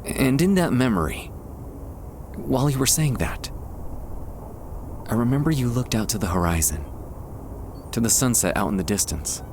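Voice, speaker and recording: Reflective and nostalgic, a man with a natural mid-range voice and lively intonation plays a nervous, tender childhood best friend in an intimate ASMR boyfriend roleplay. His acted monologue is halting, full of trailing pauses. Faint ambient noise from a soft outdoor park fills the background.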